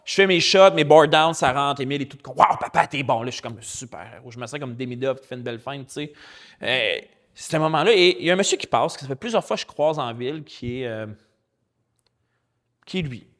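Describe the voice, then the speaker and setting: A man with a Québécois French accent, a pastor preaching a sermon in a lively, colloquial storytelling way. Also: mid-range voice, brisk. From Quebec. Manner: animated, colloquial and chatty, with spoken English slang.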